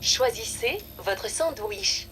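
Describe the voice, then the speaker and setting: A woman's voice: mid-range voice, lively intonation, takes it slowly, loud music behind the voice. A woman voicing a glitchy female automated sandwich-ordering machine that reads menu prompts and wanders off script. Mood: prim robotic. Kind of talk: comedy sketch parody of a voice menu.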